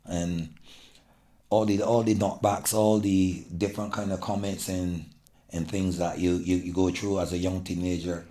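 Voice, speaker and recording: A middle-aged man with a Barbadian accent, a guest telling about his upbringing in an earnest, halting way with many restarts. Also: low-pitched, flat delivery, warm tone. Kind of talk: casual interview.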